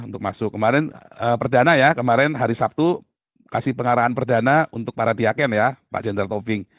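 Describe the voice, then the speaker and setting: A male pastor giving an informal sermon in an animated way, swinging from loud emphasis to quiet asides. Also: mid-range voice, no echo.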